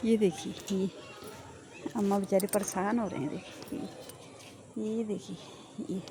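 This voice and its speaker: A woman's voice: medium pitch, fairly even intonation, unhurried, background noise. A woman vlogger giving a playful, giggly running commentary to her viewers while filming outdoors on a rooftop. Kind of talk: casual vlog commentary.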